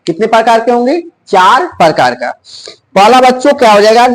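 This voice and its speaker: A man teaching an exam-prep Hindi grammar lesson, slowly repeating each term and quizzing his students. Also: very high-pitched, animated, poor audio.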